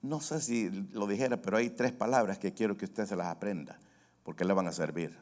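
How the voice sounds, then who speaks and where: A pastor with a Salvadoran Spanish accent and a lowish, darkish voice preaches a fairly quick sermon in a church sanctuary. He tells stories, acts out quoted voices, and explains terms word by word. Long hall reverb fills the recording.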